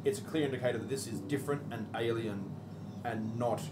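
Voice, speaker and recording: A man's voice: mid-range voice, a little fast. A man chatting casually and explaining things as a tabletop game player. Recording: echoey room, loud background noise.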